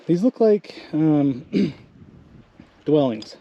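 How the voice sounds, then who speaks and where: A man filming himself as he hikes outdoors, out of breath and exclaiming excitedly on a handheld camera mic. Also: on the high side, drawn-out words, dull audio, a little hiss or hum. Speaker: vlogger exploring ruins. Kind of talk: excited on-the-spot hiking commentary. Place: outdoors on a hilltop.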